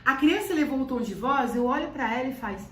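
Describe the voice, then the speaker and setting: A woman's voice: high-pitched, animated, fast, roomy sound, far from the mic, a little hiss or hum. A woman with a Brazilian Portuguese accent, a teacher explaining things to parents, often repeating phrases for emphasis. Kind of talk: educational talk to parents.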